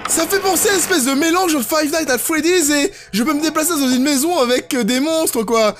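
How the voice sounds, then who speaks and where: Horror let's play host, expressive and jokey, exclaims and swears freely, music underneath. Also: high voice, brisk. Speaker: gaming YouTuber. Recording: game music behind the voice. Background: horror game music.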